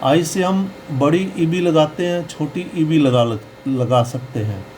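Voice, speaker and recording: A man teaching pronunciation in a slow, explanatory lesson, patiently repeating each sound. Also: a little high, a little mellow, slight background noise, rough recording.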